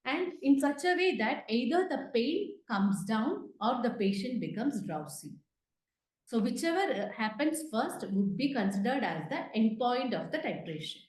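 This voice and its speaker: Her pitch swings widely as this woman, whose voice is fairly high and darkish, runs an online medical lecture at normal speed. She keeps prompting learners with questions in an indoor video-call class, captured in roomy, echoey audio.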